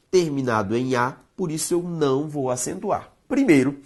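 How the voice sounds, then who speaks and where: A woman with a Brazilian Portuguese accent teaching a grammar lesson, stressing key words slowly and speaking straight to her viewers. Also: very deep voice, husky. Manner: emphatic, drawn-out stressed words, addresses viewers directly.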